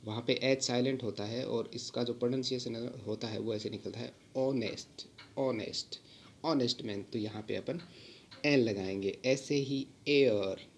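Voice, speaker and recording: A man teaching English grammar in a patient lesson, repeating words slowly and pausing on fillers. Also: medium pitch, steady tone, a little hiss or hum. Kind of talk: slow explanatory lesson.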